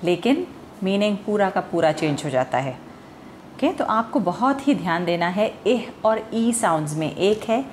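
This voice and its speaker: A woman with an Indian accent teaching English pronunciation, explaining slowly and quizzing the viewer. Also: medium pitch, expressive, a little mellow, slight background noise. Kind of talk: Hindi-language pronunciation lesson.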